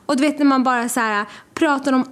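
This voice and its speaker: A young woman from Sweden, co-hosting a podcast, telling stories in casual chat and acting out what people said. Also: high-pitched. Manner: lively storyteller, acts out quotes. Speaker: podcast co-host.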